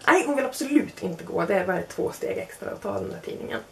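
A woman's voice: fairly low pitch, creaky, slight background noise. A young woman casually telling a self-mocking anecdote, acting out the other people in it. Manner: animated, self-mocking, acts out quotes. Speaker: storyteller.

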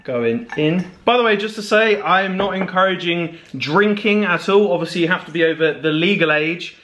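A man's voice: high-pitched, moderate pace, pushed and bright, slight background noise. A young man from England hosting a casual vlog at home, teasing and jokey as he talks to a handheld camera. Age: young adult. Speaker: vlogger host. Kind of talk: casual chat. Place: apartment living room indoors.

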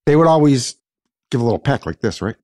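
A man's voice: medium pitch, expressive, quick pace, warm tone. A man in his sixties co-hosting a casual podcast from his home workshop over a video call, joking and laughing often. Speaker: podcast co-host. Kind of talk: casual chat. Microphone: headphones and studio mic on video call.

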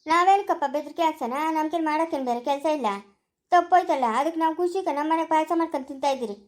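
A woman playing a squeaky quick scolding village wife. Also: natural voice. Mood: bickering. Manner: scolding, bickering. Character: quarrelsome sharp-tongued village woman. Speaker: family skit actor. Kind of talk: village family skit acting.

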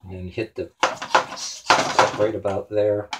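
A man's voice: fairly low pitch, level tone, slow. A man hosting a home cooking show, talking casually and crudely while he cuts meat in a small kitchen, picked up by a camera on the counter. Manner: crude, joking, talks while chopping. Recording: clattering kitchen noise behind.

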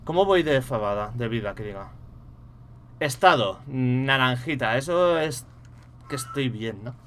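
A young man with a Spain Spanish accent, commentating a horror game live, muttering to himself and bursting into loud startled swearing. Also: medium pitch, lively intonation, unhurried, a little hiss or hum. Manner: mutters quietly to himself between outbursts. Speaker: gaming streamer.

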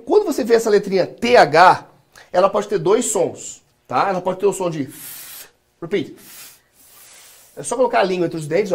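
With a high-pitched, slightly rough voice and a Brazilian Portuguese accent, a man teaches a live English class. He drills students with call-and-repeat exercises and trades jokes with them.

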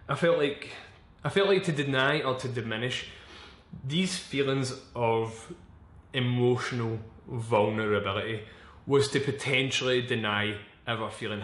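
Man, 20s, personal vlog, halting, frank, swears, mid pitch, echoey room. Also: a bit bright. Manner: halting, searching for words, frequent restarts. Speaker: vlogger. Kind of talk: candid personal vlog monologue.

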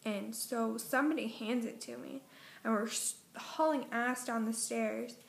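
A woman's voice: fairly high pitch, steady tone, a little slow, creaky, echoey room. A young woman vlogger, just woken up, telling a long dream in a casual, meandering way full of fillers and self-corrections. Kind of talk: casual rambling story.

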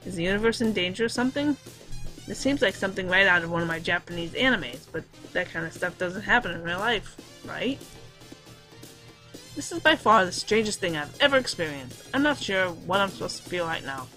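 A woman's voice: fairly low pitch, lively intonation, fairly quick, pushed and bright, soft background music, rough recording. Woman reading as a flustered teen boy hero. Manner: melodramatic, breathless inner monologue. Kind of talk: reading a visual novel aloud.

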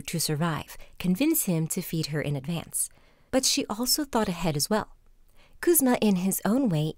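Gentle woman reading a story. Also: mid-range voice, no room sound, clean studio sound. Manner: soft, gentle, soothing. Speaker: podcast host and storyteller.

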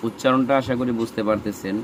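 A man teaching Arabic letter pronunciation in a slow lesson, saying each letter sound and repeating it for practice. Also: mid-range voice, steady tone, slight background noise, low-quality recording.

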